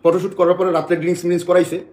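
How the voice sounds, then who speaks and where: A man's voice: high-pitched, little pitch movement, very fast, darkish tone, roomy sound. A man from Bangladesh making an emotional public statement to the press, agitated and repeating phrases over and over.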